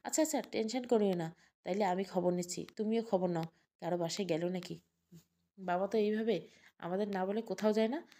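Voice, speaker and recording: A woman's voice: medium pitch, a little fast, warm tone, natural voice. A woman voicing a kindly middle-aged male office colleague who is friendly and soothing, in an audio story. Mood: reassuring.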